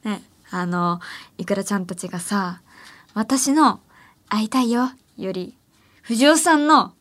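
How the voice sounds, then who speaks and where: A woman's voice: mid-range voice, lively intonation, takes it slowly, fairly bright tone. A young woman hosting a late-night radio show, chatting casually in a playful, teasing way and laughing often. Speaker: radio host. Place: radio studio.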